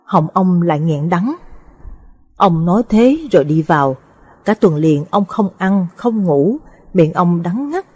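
A woman narrating a Buddhist audio story in a solemn, measured way. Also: on the low side, expressive, a little mellow, husky.

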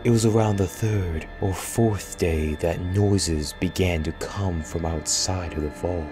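A man giving a dramatic first-person horror story reading in a grave, deliberate manner, trailing off quietly at phrase ends. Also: low voice, steady tone. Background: faint music.

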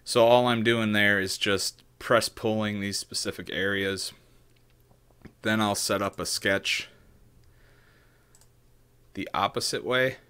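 A man in his thirties works through a 3D modeling project in a casual screen-share tutorial from a small room at home, thinking aloud, restarting often, and checking in with "right?" His low voice sounds forward, crisp, and sharp, with fairly even intonation, a slow pace, and long pauses.

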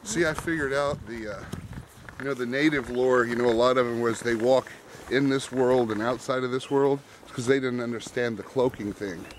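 A man's voice: mid-range voice, normal speed, rough recording. A middle-aged man hiking a forest trail, chatting casually and sometimes hooting like an owl, recorded on a handheld camera outdoors. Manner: excited, mimics owl hoots. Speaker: hiker. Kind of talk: casual chat. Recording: outdoor camera audio with noise.

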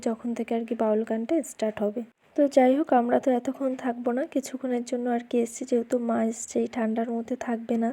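Young woman vlogger, from West Bengal, India, slightly high and mellow voice, quick casual chatter. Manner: chatty, repeats fillers while touring. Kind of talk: casual vlog narration. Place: outdoor food fair, evening.

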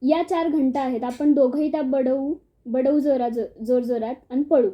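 A woman's voice: high-pitched, fairly even intonation, moderate pace, close to an everyday voice. A woman voicing a mischievous young village man in a storybook reading, with an eager, plotting tone. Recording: dull lo-fi recording.

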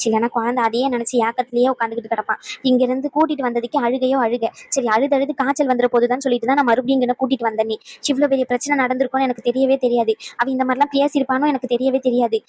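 A woman's voice: sits high, a little mellow, no room sound. A woman voicing a pleading cartoon grandma. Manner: pleading, conciliatory.

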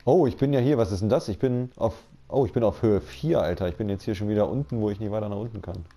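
A man's voice: on the low side, quick pace, mellow, a little hiss or hum. A man chatting casually while playing a game, slangy and laid-back, often saying "Alter". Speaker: Let's Play commentator. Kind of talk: casual gaming chat.

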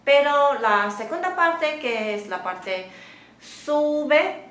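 A woman's voice: fairly high pitch, expressive, fairly bright tone, echoey room. A woman whose first language is Mandarin Chinese, teaching a patient beginner lesson and checking in often with "¿sí?". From Taiwan. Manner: patient, drawn-out demonstrations with many checking "¿sí?".

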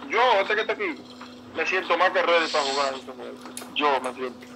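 Against a noisy background, a baseball player guest speaks briskly and animatedly in a fairly high voice. He's heartfelt and emotional in this casual interview, circling back to repeat his points.

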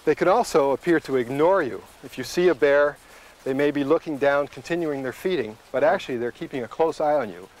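A middle-aged wilderness guide hikes through open coastal tundra, explaining things in a matter-of-fact, instructive way as he moves. His voice is fairly high and a little fast, and the recording quality is low.

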